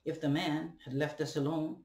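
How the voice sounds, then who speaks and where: A young Ghanaian vlogger with a Ghanaian accent talks to his webcam at home in a halting, deliberate, reflective monologue, often checking in with rhetorical questions and a tag "right?". His voice sits on the high side, level and a little mellow. The room has bare walls and a ceiling fan, and the distant webcam picks up an echoey sound.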